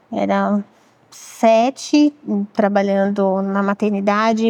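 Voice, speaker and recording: A Brazilian woman in her thirties shares a painful personal story as an interview guest, speaking in a measured, reflective way and often repeating what she said back then. Her voice is warm and mellow, and the recording is dry and close. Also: medium pitch, no room sound. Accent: Brazilian Portuguese. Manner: measured, reflective, often quoting her own past words. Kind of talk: emotional personal testimony.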